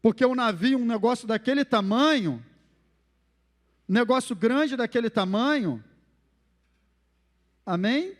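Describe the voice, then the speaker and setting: A man with a Brazilian Portuguese accent preaching a sermon as pastor, animated and acting out the phrases he quotes. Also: very high voice, a little slow, pauses often, long reverb tail.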